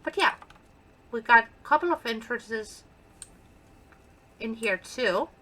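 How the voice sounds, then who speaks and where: A woman with a Danish accent, Danish by native tongue, hosts a gaming channel and casually, playfully shows off her build during gameplay commentary. Her voice is a little high and sharp-toned, expressive and slow-paced.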